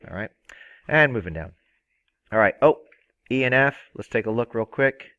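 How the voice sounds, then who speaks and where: A man teaching a math lesson, energetic and playful, with excited outbursts. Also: mid-range voice, moderate pace, muffled recording. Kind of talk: screen-recorded math lesson.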